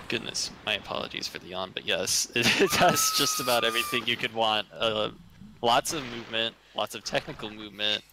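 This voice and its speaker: A man's voice: on the low side, wildly swooping pitch, brisk, noisy background. A man giving casual speedrun commentary, chatty and rambling, with lots of fillers and easy laughs.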